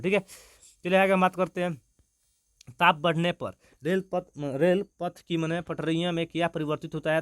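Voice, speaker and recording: A young man in an informal online class, working fast through an exam answer key with many restarts. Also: a little high, a bit bright, smooth, no room sound, clean studio sound. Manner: talks fast, with frequent restarts and repeated "ठीक है".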